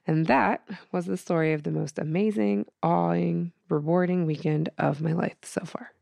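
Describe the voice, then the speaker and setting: A woman's voice: on the low side, fairly even intonation, normal speed, creaky, darkish tone, dry recording, studio quality. A woman guest on a podcast, reading from her journal and talking in an earnest, emotional way with many fillers.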